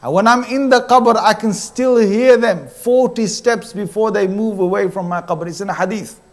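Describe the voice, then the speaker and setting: A man with a British accent preaches in a mosque hall, with a voice pitched a little above the usual for a man. He talks straight to the congregation in an earnest tone and comes back to the same phrases again and again to drive his point home. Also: moderate pace. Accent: British English. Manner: earnest, addresses brothers and sisters directly, repeats phrases for emphasis. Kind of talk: mosque sermon.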